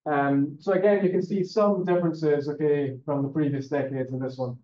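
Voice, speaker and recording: A man's voice: a little high, fairly even intonation, moderate pace, dark tone. Roomy, dull recording of a male lecturer. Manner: conversational, frequent "okay?" check-ins and fillers. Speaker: university lecturer. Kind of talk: classroom lecture. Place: lecture room.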